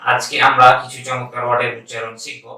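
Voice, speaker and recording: A man with a Bangladeshi accent teaching an online English pronunciation class. He says each word slowly several times and then gives its meaning. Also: mid-range voice, monotone, pushed and bright, heavy reverb, recorded from a distance, rough recording. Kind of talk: online language lesson.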